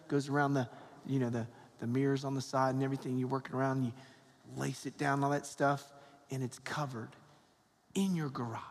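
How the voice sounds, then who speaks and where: Preaching at Mass in a big, echoing church, a Georgia-born American priest with a fairly high voice reads the Gospel and delivers a plain sermon to his congregation. His folksy, conversational manner leans on tags like "right?" and "okay?", and long cathedral-like reverb carries his words.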